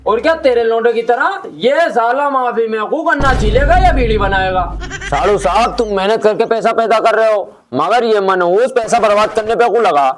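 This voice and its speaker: A man's voice: high voice, moderate pace, music in the background, close to an everyday voice. A man playing a crude mocking uncle. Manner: mocking, crude, theatrical scolding. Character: foul-mouthed meddling uncle, boastful and teasing. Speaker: comedy sketch actor.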